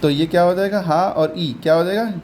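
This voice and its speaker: A man's voice: sits high, brisk, darkish tone, a little hiss or hum. A man teaching English reading, patiently repeating each sound and quizzing his learner step by step. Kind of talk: step-by-step phonics lesson.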